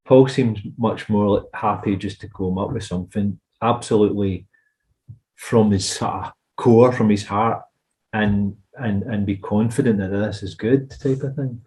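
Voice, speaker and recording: A man's voice: fairly low pitch, fairly even intonation, unhurried, dark tone. A Scottish man co-hosting a music podcast, talking casually and rambling into asides. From Scotland. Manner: chatty, rambling, trails into asides. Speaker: podcast co-host. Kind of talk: casual chat.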